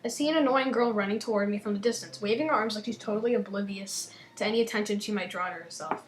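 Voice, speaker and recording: A young woman with a slight lisp hosts a gaming channel, chatting casually and reading in-game text aloud, with her lines often trailing off quietly. Her mid-range voice moves at a quick pace, and the sound is reverberant.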